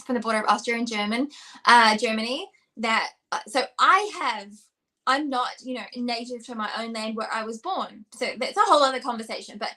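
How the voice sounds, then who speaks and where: Earnest New Zealand woman, slightly high voice. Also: bright, forceful tone. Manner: earnest, rambling with fillers. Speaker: co-host. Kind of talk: casual podcast chat.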